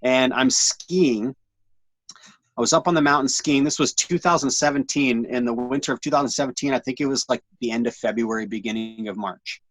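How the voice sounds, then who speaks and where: A man's voice: mid-range voice, brisk, no echo. Dry, rambling man in his forties. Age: 40s. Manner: animated, slangy, rambling with many restarts. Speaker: interview guest. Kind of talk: casual storytelling in an interview.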